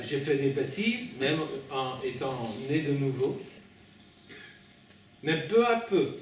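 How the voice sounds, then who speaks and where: A man who is not a native French speaker preaches informally in French with a foreign accent, in a halting, hesitant way, repeating and correcting his words as he addresses listeners directly. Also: medium pitch. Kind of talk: informal sermon at an evening meeting. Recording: very echoey room, distant mic, faint noise.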